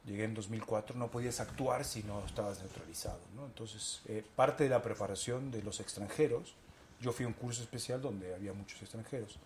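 A man's voice: on the low side, fairly quick, a little hiss or hum. A man from Argentina, an actor and guest, telling anecdotes in a casual chat and acting out the scenes. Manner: animated storyteller, acts out scenes.

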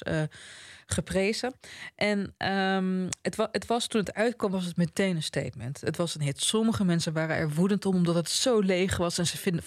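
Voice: mid-range voice, no echo, clean studio sound. A podcast co-host with a Dutch accent, talking animatedly in a casual discussion about novels. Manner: animated, reads passages aloud slowly and softly.

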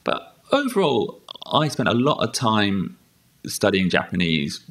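A man's voice: on the low side, measured pace. A British man talking casually as a guest in an interview, sprinkling Japanese words into his English. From United Kingdom. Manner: relaxed, mixes in Japanese words. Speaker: guest, stand-up comedian.

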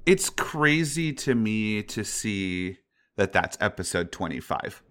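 A man's voice: on the low side, big pitch swings, slow, sharp tone. A man who works as a game master, chatting casually on a podcast. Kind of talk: casual chat.

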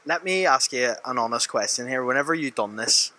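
A man's voice: mid-range voice, lively intonation, brisk, sharp tone, poor audio. A man with a Northern Irish accent interviewing a guest in a casual way as a sports reporter.

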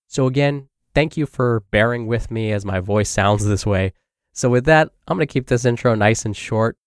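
A man's voice: mid-range voice, normal speed, clean tone, no echo, studio quality. Congested man reading a blog aloud. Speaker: podcast host and narrator.

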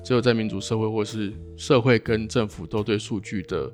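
A man hosts a podcast, thinking aloud and wrapping up points. His voice sits on the lower side for a man. A guitar plays faintly behind him. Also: steady tone, brisk. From Taiwan. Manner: musing, thinks aloud, wraps up topics. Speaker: podcast host. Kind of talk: casual podcast conversation.

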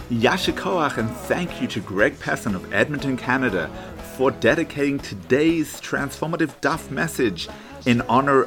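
A man who is a rabbi, teaching a daily Talmud lesson in an explaining, storytelling manner. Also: medium pitch.

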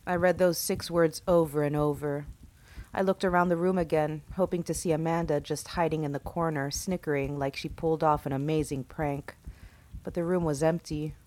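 A woman reading a first-person horror story aloud in a slow, hushed, suspenseful narration. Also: low voice, fairly even intonation.

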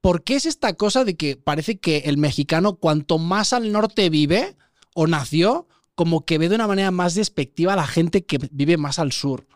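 A man's voice: a little high, animated, moderate pace, no room sound, studio quality. A man, hosting a casual podcast interview and asking curious, open questions. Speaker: podcast host.

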